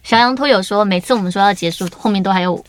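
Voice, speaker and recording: A woman's voice: mid-range voice, fast talker, a little hiss or hum. A woman with a Taiwanese accent in casual podcast chat as co-host, playful and inquisitive, speaking through a face mask.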